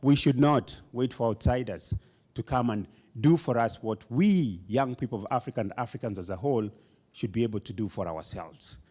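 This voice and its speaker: A man's voice: medium pitch, normal speed, mellow. A man giving a rousing conference speech in a hall, emphatic, leading the audience in call-and-response chants. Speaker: motivational speaker.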